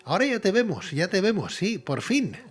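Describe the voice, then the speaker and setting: A man's voice: high-pitched, sing-song, moderate pace, slightly rough. A man hosting a live online talk show, chatty and rambling, often repeating himself as he speaks. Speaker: host.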